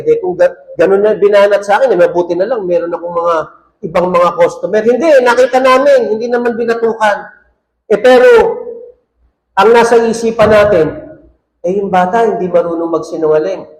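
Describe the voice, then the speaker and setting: Poor audio carries the high-pitched voice of a man preaching a sermon. He repeatedly turns to the congregation with "ano po?" and reads verses out in English, mixing English quotes and phrases throughout.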